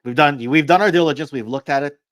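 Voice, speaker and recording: A man's voice: a little high, fast talker, a bit bright, no room sound. Agreeable male guest, dry mic. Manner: agreeable, short replies. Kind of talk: casual chat.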